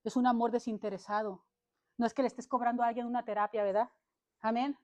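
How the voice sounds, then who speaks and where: A woman's voice: on the high side, steady tone, fast, darkish tone. A woman preacher delivering a fervent sermon to a church that is also streamed online, punctuating her phrases with "amén". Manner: fervent and exhorting, driving each point home. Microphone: livestreamed to social media.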